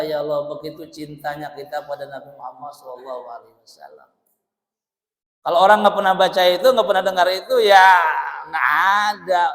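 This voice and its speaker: A male preacher giving a dawn sermon in a mosque, telling stories in a lively way, acting out dialogue and often laughing. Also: sits high. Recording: echoey hall reverb.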